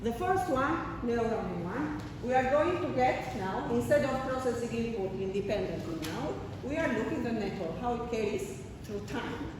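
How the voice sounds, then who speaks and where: In a classroom lecture heard from a far room microphone, a woman with a fairly high, expressive voice explains step by step at a moderate pace with few pauses. She uses fillers and restarts, keeps asking "okay?" and quizzes students, while the large hall sounds echoey and noisy.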